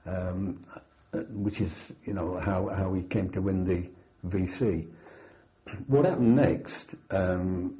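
An older British man, a former soldier, remembers his war service in a measured, matter-of-fact interview manner with dry understatement. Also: low-pitched, warm tone. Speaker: army veteran, former platoon sergeant. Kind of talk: old veteran remembering, oral history interview. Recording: dull, lo-fi interview recording.

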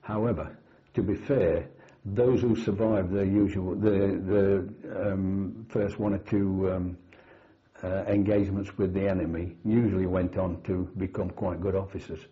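Low-voiced old British veteran remembering. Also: male voice, steady tone. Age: older. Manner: measured, matter-of-fact recollection with dry understatement. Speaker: army veteran, former platoon sergeant. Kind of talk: old veteran remembering, oral history interview. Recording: dull, lo-fi interview recording.

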